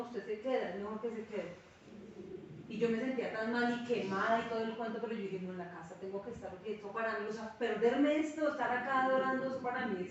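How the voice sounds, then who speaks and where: A woman's voice: mid-range voice, slight background noise. A woman pastor teaching a Bible class, telling stories and acting out what people said. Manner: lively storyteller who acts out quoted speech. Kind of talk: sermon-like Bible teaching with anecdotes. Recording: very echoey room, distant mic, dull sound.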